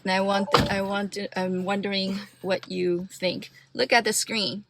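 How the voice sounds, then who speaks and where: Slow, chatty woman vlogger in a car. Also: mid-range voice, little pitch movement, heavy background noise. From Taiwan. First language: Chinese. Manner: chatty and explanatory, walking viewers through steps. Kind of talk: casual vlog narration. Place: inside her car.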